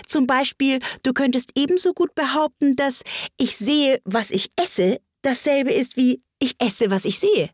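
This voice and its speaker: A woman's voice: sits high, unhurried, no room sound, clean studio sound, pitched above the performer's own voice. A woman voicing a restless, peevish male hatter in a storybook reading, with a clipped, contrary delivery.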